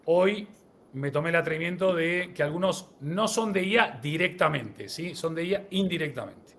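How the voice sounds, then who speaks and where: A man's voice: on the high side, animated, normal speed, fairly bright tone. A man co-hosting a live-streamed podcast, greeting viewers and running a word-association game. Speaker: podcast co-host.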